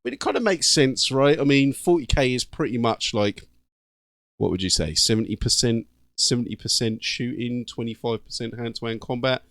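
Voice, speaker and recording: British man, gaming host, casual reaction commentary, informal slangy talk, medium pitch, dry close sound. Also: normal speed, a bit bright, no echo. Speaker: YouTube gaming channel host.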